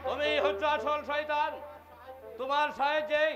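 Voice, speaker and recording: A man's voice: very high voice, little pitch movement, moderate pace, a bit bright, dull audio, soft background music. A man playing a scheming, resentful young prince in Bengali folk theatre, taunting and theatrical, with a Bengali accent. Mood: accusing. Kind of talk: historical Bengali jatra folk theatre acting.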